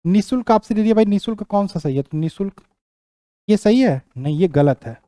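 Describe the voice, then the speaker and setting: A young male teacher runs an exam-prep lesson, saying each word again and again as he writes it out and checking in with his students. His voice sits high but mellow. The sound is dry, with no room echo. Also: expressive, fairly quick. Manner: repeats words while writing them out, checks in with "ठीक".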